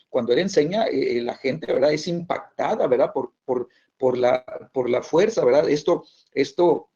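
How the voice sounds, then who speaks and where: A man teaching a church class on scripture, halting often with fillers and tag questions. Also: on the high side, dark tone, slightly rough. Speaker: bible teacher. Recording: dull lo-fi recording.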